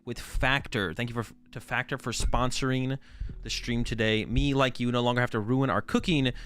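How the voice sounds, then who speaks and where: A man's voice: mid-range voice, steady tone, normal speed, a bit bright, clean tone. A young man chatting casually on a live stream, joking around in a slangy, self-mocking way as he rambles through a sponsor read. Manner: laid-back, joking, slangy with dude and bro. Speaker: card game streamer.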